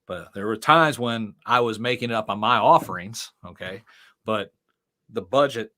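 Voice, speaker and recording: A middle-aged ministry founder, interviewed as a guest, tells long stories in casual talk full of fillers with the occasional laugh. His voice is on the low side, at normal speed, pushed and bright, and he rambles as a storyteller.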